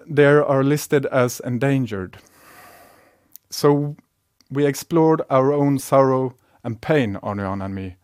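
Calm Norwegian man, dry sound. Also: medium pitch, dry recording. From Norway. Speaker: speaker giving a talk. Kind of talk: prepared talk.

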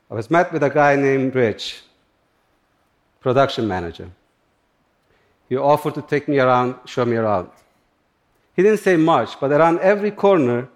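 A middle-aged man from Turkey, speaking halting in short phrases as he tells a personal story on stage. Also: mid-range voice. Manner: plain, halting non-native English with short phrases. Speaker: speaker giving a talk.

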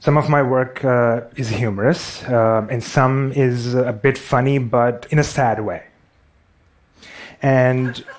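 A man's voice: mid-range voice, a little mellow. A man with a Pakistani accent giving a storytelling talk on stage, wry and self-deprecating.

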